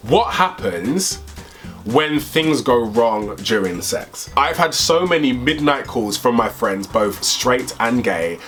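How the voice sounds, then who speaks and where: A young man from the UK co-hosting a vlog, chatting casually in a playful, animated way. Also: medium pitch, slow, faint music behind. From United Kingdom. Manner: animated and playful, bursts into excited squeals. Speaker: co-host. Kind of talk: casual chat.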